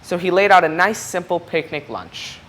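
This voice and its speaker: Reading a children's picture book aloud, this storyteller uses a mid-range voice at a moderate pace. The delivery is lively and explanatory, full of questions and asides for young listeners, with some background noise present.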